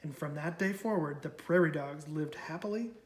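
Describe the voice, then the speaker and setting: A woman narrating a children's picture book aloud in a slow, expressive manner. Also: low-pitched. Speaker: storybook reader. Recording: echoey room.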